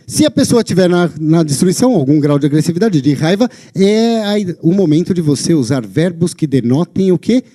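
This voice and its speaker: A man's voice: a little high, mellow. A man with a Brazilian Portuguese accent giving a live lecture on a lapel mic, emphatic and often checking in with his audience. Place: lecture venue.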